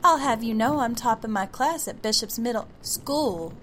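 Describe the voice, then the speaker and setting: A woman's voice: a little high, lively intonation, moderate pace, fairly bright tone, a little hiss or hum, pitched above the performer's own voice. A woman voicing a prim, indignant schoolgirl in a spoken horror story.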